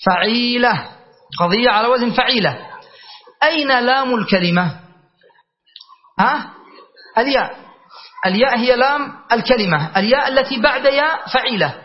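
A man teaching an Arabic grammar class, explaining rules, reciting verse lines slowly and quizzing his students. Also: extremely high pitch, animated, muffled recording. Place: classroom with a board.

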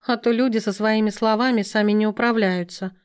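A woman's voice: mid-range voice, steady tone, brisk, smooth, voice pushed up, close to an everyday voice. Sly talking cat, female, knowing and teasing; woman reader does the voice. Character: wise mocking female cat.

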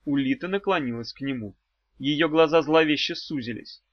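A man narrating a children's fantasy audiobook with a lively, expressive reading. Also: on the high side, moderate pace, no echo, lo-fi sound.

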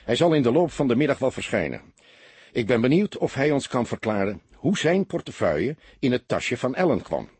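A man plays a seasoned, laconic police inspector who calmly and a bit gruffly lectures his young partner in a husky voice. He speaks briskly at mid-range pitch, composed, with no echo.

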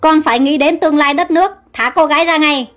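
A cold, scheming queen mother, read by a woman narrator barks icy orders in this audio storybook. The voice sits high. Faint music plays underneath. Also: fairly quick, a bit bright. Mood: commanding. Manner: commanding, icy.

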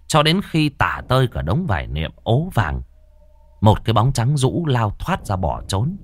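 A man narrating a horror story vividly. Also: on the low side.

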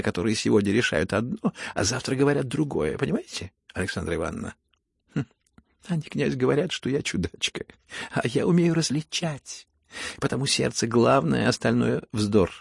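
A man's voice: mid-range voice, gravelly, dry recording, studio quality, voice pushed up, exaggerated voice. A man voicing an imperious, eccentric older general's wife who scolds her daughters in a raised, haughty voice.

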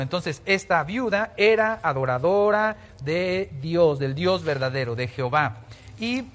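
A man giving a Bible teaching, explaining at length with many fillers and restarts. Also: a little high.

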